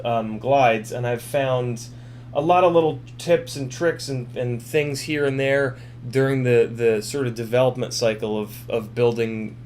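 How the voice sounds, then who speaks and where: Young guy streaming, lots of ums and restarts, mid pitch, faint hum behind. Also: a little mellow. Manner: rambling with many fillers and restarts; reads chat aloud, swears casually. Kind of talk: casual live-stream chat.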